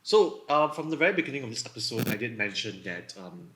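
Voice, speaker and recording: A man's voice: mid-range voice, sing-song, fast, a bit bright, echoey room, a little hiss or hum, poor audio. A man from Singapore with a Singaporean English accent, hosting a podcast in casual chat, hesitant with many fillers and restarts. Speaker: podcast host.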